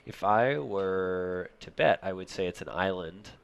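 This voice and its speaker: A man doing casual, jokey commentary on a card game match, laughing often and talking in quick bursts. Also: low voice, gravelly, clean tone.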